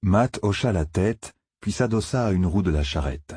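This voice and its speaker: A man narrating a fantasy novel as an audiobook, expressive storytelling. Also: sits low, normal speed, slightly rough, dry recording, studio quality.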